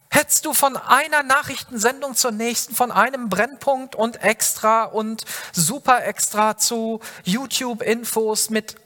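A man's voice: sits high, pushed and bright. A male pastor giving a sermon, speaking earnestly and directly to the listener with many rhetorical questions. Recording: long hall reverb.

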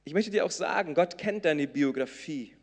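Preacher in a reverberant hall. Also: male voice, on the high side, moderate pace. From southern Brazil. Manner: impassioned, swings between loud emphatic peaks and soft intimate lines. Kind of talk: sermon. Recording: long reverb of a large hall.

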